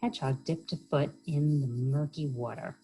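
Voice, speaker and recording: A woman with a low voice reads a children's story aloud as a library storyteller, expressively, often stopping to ask the young listeners questions. The audio is poor.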